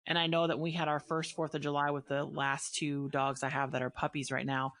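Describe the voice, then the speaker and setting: A woman's voice: low-pitched, level tone, a little fast, a bit bright. A woman hosting a casual conversation, talking earnestly and emphatically and thinking aloud as she goes. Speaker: podcast host and dog breeder.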